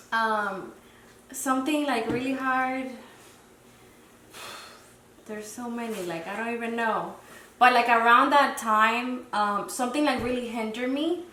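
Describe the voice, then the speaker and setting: Her voice is a little high with a sharp tone: a Dominican woman in her twenties chatting casually as a podcast guest. She reflects aloud hesitantly, using lots of fillers, captured by a faraway mic in an echoey room with faint background noise.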